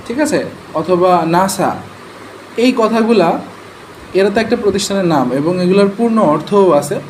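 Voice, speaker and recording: A man's voice: sits high, darkish tone, a little hiss or hum, low-quality recording. A man explains transcription rules to a class in a conversational way, often checking in with his listeners. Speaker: transcription trainer.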